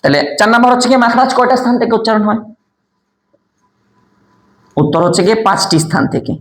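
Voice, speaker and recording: A man teaching a step-by-step lesson, repeating key answers slowly, asking quiz questions aloud and demonstrating sounds himself. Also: high voice, lively intonation, reverberant. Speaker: Quran recitation teacher.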